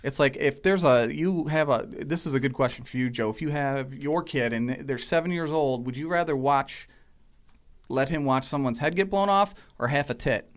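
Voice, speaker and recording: A man chats as co-host of a gaming podcast. His pitch is ordinary and his delivery relaxed and offhand, with lines that drop quietly at the end. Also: moderate pace. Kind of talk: casual gaming podcast chat.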